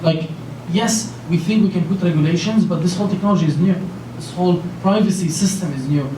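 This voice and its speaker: This panelist, a Lebanese company founder in his thirties, talks fairly quickly in a high voice, earnest yet rambling, with many fillers and restarts. Holding a handheld mic in a large conference room full of audience members, he's recorded from afar with echo and faint noise.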